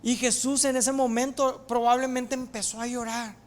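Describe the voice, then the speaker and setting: A woman preaching a sermon, retelling scripture as animated storytelling and acting out its voices. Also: fairly high pitch, normal speed.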